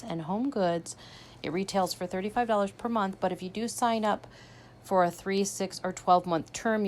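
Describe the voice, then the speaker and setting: A woman's voice: on the low side, a little hiss or hum. A woman chatting casually as she unboxes a subscription box, describing each item as she pulls it out. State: hiccuping. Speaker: unboxing vlogger.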